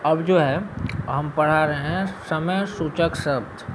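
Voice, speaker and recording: A man's voice: on the high side, steady tone, background noise. A man teaching English pronunciation in Hindi, drawing out and repeating each word with teasing asides. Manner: slow, drawn-out words, repeats terms for learners, teasing asides.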